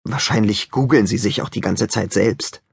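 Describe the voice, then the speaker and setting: A man's voice: lowish voice, normal speed, creaky, slightly rough, dry recording, studio quality. A man narrating a children's audiobook with wry, joking asides to the listeners.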